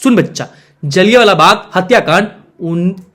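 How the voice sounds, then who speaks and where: A man's voice: sits high, lively intonation, moderate pace, a bit bright. A young man teaching an exam revision lesson, casual and jokey, calling his students beta and bhaiya.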